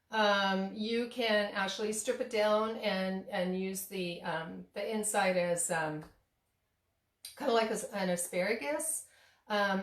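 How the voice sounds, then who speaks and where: A tea shop owner and cooking vlogger chats casually through a demo in her echoey home kitchen, speaking at a medium pitch. She rambles with many restarts and fillers and laughs at herself, her voice slightly hoarse as she loses it.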